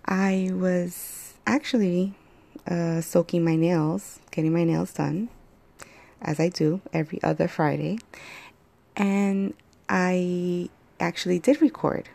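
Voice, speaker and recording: Recording her own casual solo podcast straight into a phone, a woman rambles hesitantly, pausing often and filling gaps with ums and uhs. Her voice is hoarse, deeply gravelly, a little low, dark and mellow, with a steady tone.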